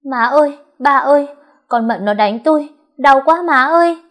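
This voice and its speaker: A woman voicing a spoiled, hot-tempered young woman who yells and whines in a shrill voice in an audio story. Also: moderate pace, close to an everyday voice. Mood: whining. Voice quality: shrill, shouting. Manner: yelling and whining.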